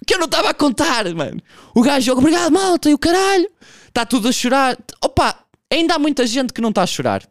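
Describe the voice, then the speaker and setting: A man's voice: very high voice, no echo, clean studio sound. A young man doing a casual, profane stand-up monologue, telling a story with vocal impressions. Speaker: stand-up comedian.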